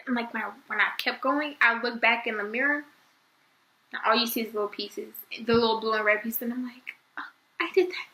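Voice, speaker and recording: Bright, high-voiced young woman vlogger. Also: steady tone, fairly quick. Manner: chatty, fills speech with "like". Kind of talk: casual storytelling to camera. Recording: echoey room.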